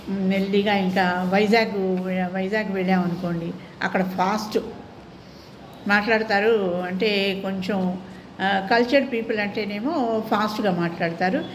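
A middle-aged woman speaks in a relaxed monologue for her viewers. Her voice sits at an ordinary medium pitch, and she keeps her tone courteous. She livens up when she imitates other people, and a faint background hum runs under her voice. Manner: polite, adds respectful 'andi' to many sentences; lively, mimics other people's speech. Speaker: vlogger. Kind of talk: casual explanatory monologue.

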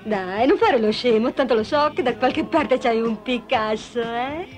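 Sly coaxing woman, slightly high voice over music. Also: lively intonation, measured pace. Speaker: film character. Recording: film soundtrack with music.

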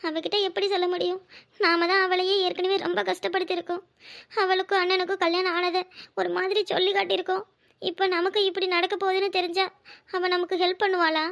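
A woman's voice: extremely high pitch, level tone, fast, gravelly, fairly bright tone, heavily acted. Woman voicing a fretful young bride-to-be. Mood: anxious. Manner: hesitant, fretful. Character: anxious young bride-to-be, worried and fearful. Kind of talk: cartoon voice acting.

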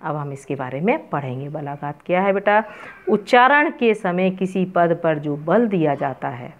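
A woman's voice: lowish voice, animated, unhurried, narrow, tinny audio. A woman teaching an online grammar lesson, patiently repeating terms and asking the students questions.

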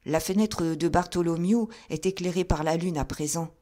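A fretful, fussy gentleman, voiced by a woman reading an audiobook. He talks in a raised, higher register, insistent and uneasy. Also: moderate pace, close to an everyday voice. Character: nervous fussy gentleman of means.

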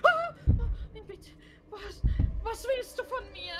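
A frightened young woman, played by a woman in a live game roleplay, babbling to herself in panic and crying out in Spanish. Her voice sits high, and she drags her words out slowly. Noisy game sounds run underneath her. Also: lively intonation. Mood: panicked. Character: frightened young woman lost in a horror scene. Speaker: roleplay streamer. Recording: game noise behind the voice.

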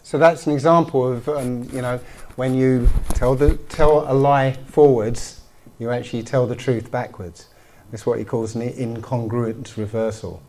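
A man explaining a concept to an audience in a measured way. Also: medium pitch, fairly even intonation, mellow, a little hiss or hum.

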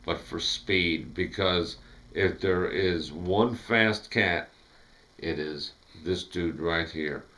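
A man's voice: deep voice, slow pace, bright, forceful tone. A man in his fifties chatting casually in a slangy, laid-back way. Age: 50s. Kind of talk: casual chat. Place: small wood-panelled room indoors.

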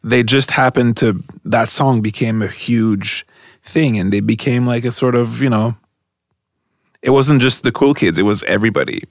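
A man from Montreal, a guest musician speaking thoughtfully in a casual interview, pausing with ums and uhs. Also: medium pitch, no room sound, clean studio sound. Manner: measured, thoughtful with hesitations.

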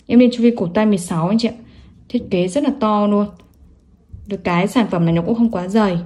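An online watch seller gives an emphatic, salesy showcase, listing specs and prices. Her voice is medium in pitch with a darkish tone.

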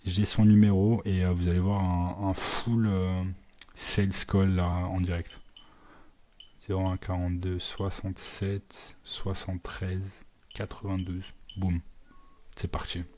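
A man with a deep, steady voice talks through his own work as it happens. His pitch barely moves, and he fills the gaps with hesitations and small sound words, easily mixing English terms into the flow. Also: slow, a little hiss or hum. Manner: thinks aloud with many fillers and sound words; mixes English business words into French. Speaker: digital marketing agency owner. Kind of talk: live screen walkthrough, casual.

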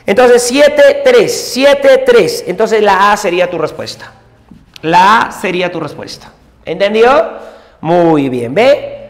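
A male teacher giving an exam-prep lesson, repeating each rule over and over and checking in with quick tag questions. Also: sits high, animated. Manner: repetitive drilling with constant tag questions. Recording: long reverb room echo.

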